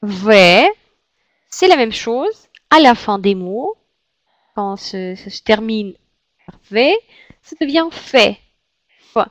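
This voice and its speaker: A woman with a Russian accent gives a language lesson, repeating words and pausing with hesitant fillers as she explains. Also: mid-range voice, animated, no echo. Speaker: Russian teacher.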